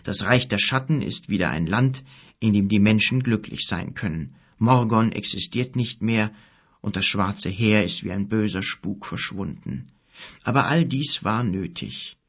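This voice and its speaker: A man's voice: on the low side, fairly bright tone, breathy edge, exaggerated voice. Man voicing a grave old wizard. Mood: solemn, grave. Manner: slow, solemn, measured. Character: wise old male wizard, calm and grave.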